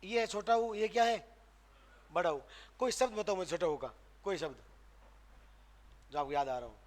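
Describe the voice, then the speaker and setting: A man's voice: sits high, moderate pace. A man teaching grammar to a live class. He keeps firing questions at the students and answers them himself, stressing and repeating sounds to show how they are spoken. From Rajasthan, India. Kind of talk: classroom lecture.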